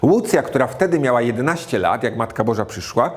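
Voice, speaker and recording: A man's voice: mid-range voice, lively intonation, a little fast, darkish tone. A man in his thirties giving a children's sermon with storytelling, speaking simply and expressively to small children. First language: Polish. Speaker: children's religious retreat host. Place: small indoor room. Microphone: lapel mic.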